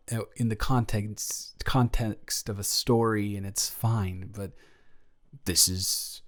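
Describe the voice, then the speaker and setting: In an intimate romantic audio drama, a man with a mid-range voice plays a nervous, lovestruck young college dormmate. He sounds earnest and wordy, stammering often.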